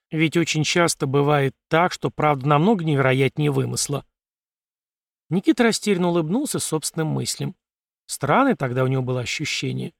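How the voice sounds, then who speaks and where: Gravelly male audiobook narrator. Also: on the high side, no echo. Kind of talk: scripted narration.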